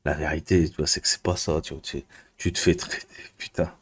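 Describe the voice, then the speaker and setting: A man's voice: rumbling low, flat delivery, a little fast, husky. A man ranting casually to camera as a vlogger, crude and exasperated, with constant fillers. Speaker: YouTuber and business coach.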